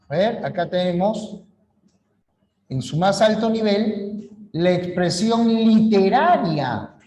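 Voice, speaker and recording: A man's voice: high-pitched, expressive, slow pace, darkish tone. A man teaching a language class online, explaining terms and talking straight to his students. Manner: explanatory, acts out examples, addresses students directly.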